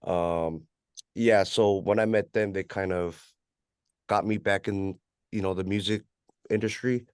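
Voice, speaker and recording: Unhurried and given to long pauses, a California rapper-producer speaks in a clear, resonant, lowish voice with fairly even intonation. As an interview guest he rambles in a laid-back West Coast manner, full of "you know," recorded at studio quality with no room sound.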